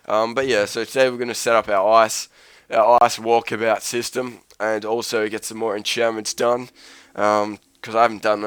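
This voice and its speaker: A man's voice: on the low side, a bit bright, smooth, no room sound. A man with a sick voice giving casual, rambling commentary over his gameplay, swearing and poking fun at himself. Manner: rambling, profane, self-mocking. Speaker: Let's Play host.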